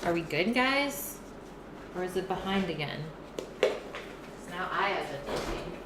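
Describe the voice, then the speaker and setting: In an echoey home kitchen with background noise, a woman hosts a casual cooking livestream, chatting with viewers and answering their messages while she works. Her voice is fairly low, with lively intonation and an unhurried pace.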